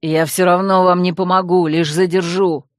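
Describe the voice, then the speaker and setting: A man's voice: on the high side, little pitch movement, moderate pace, no echo, clean studio sound, natural voice. A woman reading an audiobook, voicing a proud young male werewolf pack leader who growls curt lines. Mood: bitter.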